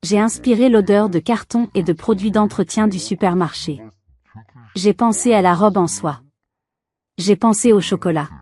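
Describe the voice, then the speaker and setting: A woman telling a first-person story in a calm, even, measured way. Her tone is dark and mellow. The recording is dry and close-miked. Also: mid-range voice, no echo.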